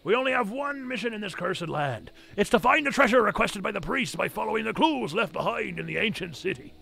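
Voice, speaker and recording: A man voicing a gruff, bossy pirate captain in a commanding old fisherman manner for a video game. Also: high voice, expressive, brisk, bright, forceful tone, heavily acted. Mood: stern, commanding.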